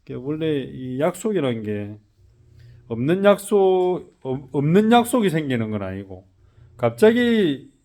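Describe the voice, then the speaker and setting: Gyeongsang man in his forties, shop owner vlogging, rambling and worn out from an all-nighter, mid-pitched. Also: darkish tone. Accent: Gyeongsang Korean. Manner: rambling, loose and chatty. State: tired from an all-night job. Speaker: car detailing shop owner. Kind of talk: casual vlog narration.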